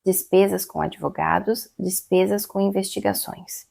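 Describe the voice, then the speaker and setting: Brief: woman reading a deceitful forty-ish swindler, cold and defensive, gravelly. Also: mid-range voice, steady tone, measured pace, dark tone. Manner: cold, then panicky and defensive.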